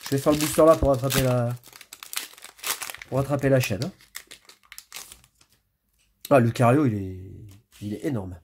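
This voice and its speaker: A man's voice: mid-range voice, normal speed, long pauses, darkish tone, a little hiss or hum. A man casually commenting as he opens trading card packs, chatty and muttering card names as he flips through them. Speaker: YouTuber opening card packs. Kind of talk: casual pack-opening commentary.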